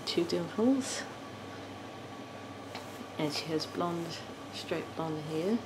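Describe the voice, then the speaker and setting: Slow, halting woman showing dolls. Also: low-pitched, creaky, background noise. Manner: slow, halting, many ums. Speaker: doll collector channel host. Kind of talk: casual show-and-tell.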